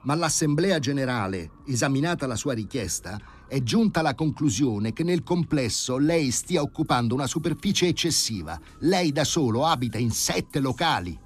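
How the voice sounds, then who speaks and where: A prickly young committee leader speaks in a raised, tense voice, put on by a man reading an audiobook. His fury stays just under the surface in every clipped phrase. The delivery swings lively and a bit husky. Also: mid-range voice, moderate pace, few pauses, soft background music, voice pushed up. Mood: indignant, hostile. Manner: tight, bristling, barely held fury. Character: indignant young male committee leader, hostile zealot.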